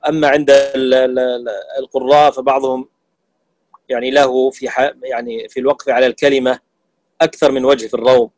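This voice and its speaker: A man teaching Quran recitation rules to students, explaining terms and slowly demonstrating how sounds are pronounced. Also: mid-range voice, little pitch movement, a little mellow, poor audio. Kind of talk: classroom lesson on tajweed.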